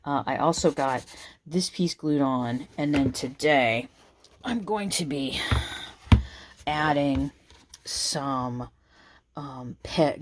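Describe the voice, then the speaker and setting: A woman's voice: a bass voice, creaky. A woman talks through her crafting work in a loose, unscripted way. She rambles, restarts her sentences and fills the gaps with ums as she demonstrates each step. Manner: chatty and rambling, many ums and restarts, laughs at herself. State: has the hiccups. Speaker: craft video maker.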